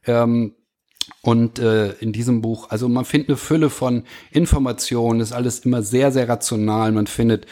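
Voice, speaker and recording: A man's voice: medium pitch, fairly even intonation, normal speed, dark tone. A man hosting a podcast, chatting enthusiastically about a book recommendation. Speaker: podcast host. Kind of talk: casual podcast talk.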